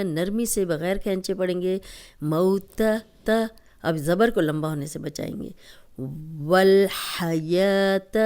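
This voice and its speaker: A woman's voice: lowish voice, darkish tone. Patient woman teaching recitation rules. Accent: Pakistani Urdu. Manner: patient, explains step by step, drawls each recited word slowly. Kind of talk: Tajweed lesson.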